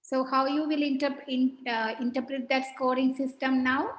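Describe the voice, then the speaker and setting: A woman's voice: high-pitched, level tone, moderate pace, echoey room, slight background noise, low-quality recording. A woman teaching medicine in a class, questioning students and prompting them one by one. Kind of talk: online clinical teaching session.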